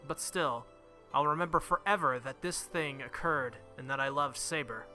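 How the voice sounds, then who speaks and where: This man reads a visual novel aloud while hosting a game playthrough, dramatic in delivery, casual in his reactions, and prone to the odd verbal stumble. His voice is mid-range at a normal speed, with loud game music in the background.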